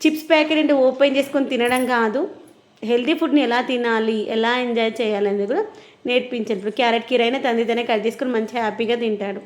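A woman's voice: a little high, fairly even intonation, fast talker. A woman. She chats casually to her viewers like a home vlogger, explaining her points in an everyday conversational way. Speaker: vlogger and mother.

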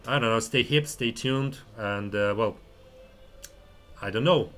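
A man's voice: mid-range voice, unhurried, a bit bright, soft background music. A man from Russia with a Russian accent hosting a casual chat, hesitant, rambling and given to swearing. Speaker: podcast host, stand-up comedian.

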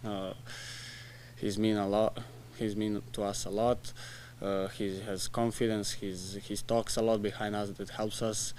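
Halting young man at a press conference. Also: on the low side, flat delivery, a little hiss or hum. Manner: plain, halting answers with restarts and soft laughs. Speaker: soccer player. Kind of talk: post-match press conference. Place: press room in front of a sponsor backdrop. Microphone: desk mic in front of him.

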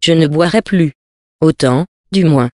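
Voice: medium pitch, a little slow, a little mellow, no room sound, studio quality, natural voice. A reader voicing a plump, wine-loving village priest who groans and pleads as he swears off drink. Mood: vowing. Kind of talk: storybook reading.

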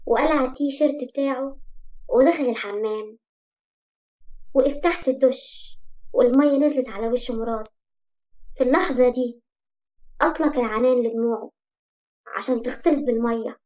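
A woman with an Egyptian accent narrates a story in a calm, measured reading. Her voice sits high yet sounds dark and mellow.

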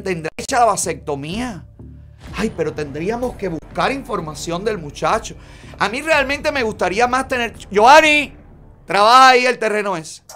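Guy hosting a gossip show, reads chats out loud, super theatrical, lots of dramatic exclamations, faint music behind. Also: sits high. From Cuba. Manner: flamboyant, theatrical, with frequent exclamations. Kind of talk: reading chats aloud with commentary.

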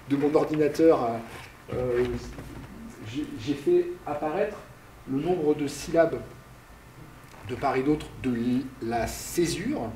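A man lectures in a hall, slow and deliberate, his voice mellow and lively in pitch. He explains patiently and answers his own questions. He sounds a little far from the mic in a roomy, echoing space. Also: slight background noise. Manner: directs slide changes aloud. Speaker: university lecturer. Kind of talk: public lecture.

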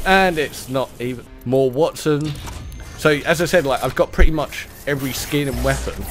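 A young man giving casual, chatty commentary as he opens game loot packs, now and then bursting into excited cheers. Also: mid-range voice. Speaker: gaming YouTuber.

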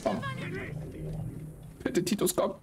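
A man giving excitable, slangy casual commentary while he plays a game, swearing often. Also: slow, background noise. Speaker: let's play host.

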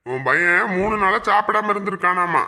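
A man playing a stubborn father who defends his choices in a calm, dismissive way. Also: sits high, normal speed, exaggerated voice.

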